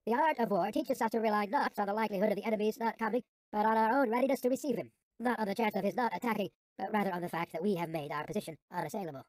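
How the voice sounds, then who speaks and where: A narrator with a sped-up, helium-like chipmunk voice reading an audiobook in a measured, formal way with falling phrase endings. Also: mid-range voice, a little mellow, no echo.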